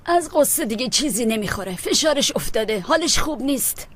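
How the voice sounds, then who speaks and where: Dubbed drama: stern, anxious mother, high and lively, hushed scolding. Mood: stern worried. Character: worried middle-aged mother, stern and anxious.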